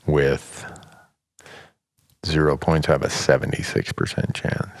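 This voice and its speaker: A man in his fifties, a podcast co-host from Montana, explaining things in a relaxed, matter-of-fact way in casual chat. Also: extremely low pitch, takes it slowly, gravelly, dry recording. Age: 50s.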